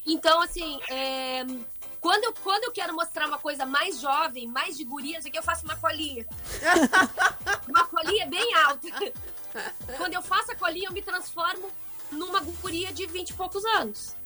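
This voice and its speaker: Middle-aged woman, high bright voice, talks a lot and restarts a bunch, faint music behind. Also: normal speed. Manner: expressive, talkative, frequent restarts. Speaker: guest, fashion seller and social media influencer. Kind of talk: animated conversational interview.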